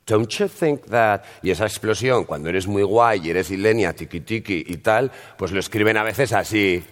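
A man's voice: on the low side, moderate pace. A man who teaches English pronunciation, giving a jokey, instructive talk to an audience and spelling sounds out. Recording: reverberant hall.

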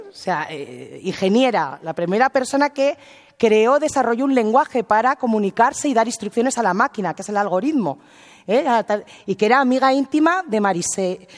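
Chatty woman in a reverberant hall. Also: medium pitch. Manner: chatty, colloquial, asks the audience questions. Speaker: linguist speaker. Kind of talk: casual talk to an audience.

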